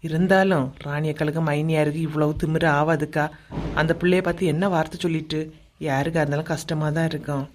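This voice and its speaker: A woman playing a low-voiced indignant village woman. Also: steady tone, fast talker, slight background noise, close to an everyday voice. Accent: Kanyakumari Tamil. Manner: indignant, consoling. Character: sympathetic village woman, a family friend. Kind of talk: acted village family drama.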